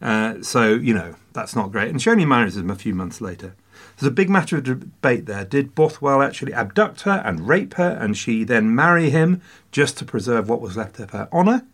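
A man's voice: mid-range voice, lively intonation, fairly quick, a bit bright. An English man hosting a casual history podcast, full of jokey asides and mock French phrases. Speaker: podcast host.

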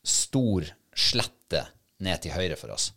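Man with a low voice, chatty animated storyteller in a conversation. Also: vocal fry. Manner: lively, animated retelling, quoting others. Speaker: dog handler telling a story. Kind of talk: casual storytelling in a podcast chat.

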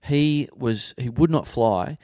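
A man's voice: medium pitch, takes it slowly, dry recording, clean studio sound. A man co-hosting a podcast, chatting casually, swearing and laughing as he talks. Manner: animated, swearing, laughing often. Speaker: podcast co-host. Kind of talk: casual banter.

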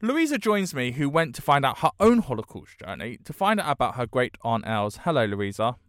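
A man's voice: medium pitch, big pitch swings, brisk, fairly bright tone, no room sound, studio quality. A British man hosting a podcast, speaking in an earnest, encouraging self-help manner. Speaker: podcast host. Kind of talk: podcast monologue introduction.

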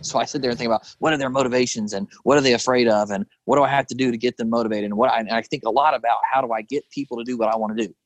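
A man's voice: mid-range voice, rapid-fire, hardly any pauses, no room sound, poor audio. Give me a guest speaker, a man with a preacher's background, talking earnestly, dry and close. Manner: earnest, rhetorical questions, animated retelling. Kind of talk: conversational storytelling.

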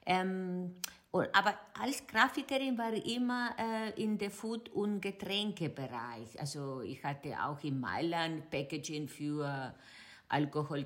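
A woman's voice: on the low side, a bit bright. A middle-aged woman from Argentina with an Argentine Spanish accent, a Spanish native speaker and hobby cook answering interview questions hesitantly, searching for words. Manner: hesitant, searching for German words, many fillers.

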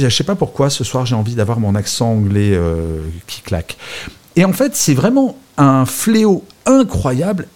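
A male host who talks with a lively, bouncing pitch. He is chatty and self-mocking, and he often stops to correct himself before carrying on. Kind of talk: live show hosting, casual chat.

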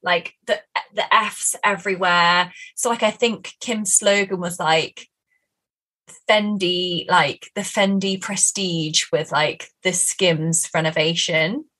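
A woman's voice: on the low side, fairly even intonation, takes it slowly, pushed and bright. A woman co-hosting a podcast, chatting in a rambling way with lots of fillers and laughs mid-sentence. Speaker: podcast co-host. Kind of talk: casual chat.

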